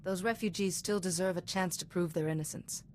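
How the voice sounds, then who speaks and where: An actress playing a calm, compassionate female sage in a video game, speaking with gentle composure. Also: lowish voice, fairly quick, a little hiss or hum, natural voice.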